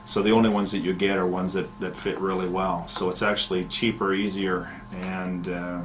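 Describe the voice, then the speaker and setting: A middle-aged man speaks in a very low, steady voice that barely rises or falls. He answers interview questions in a measured way, pausing on fillers and restarting phrases. A faint hum of ambience sits behind him. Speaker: county economic development manager.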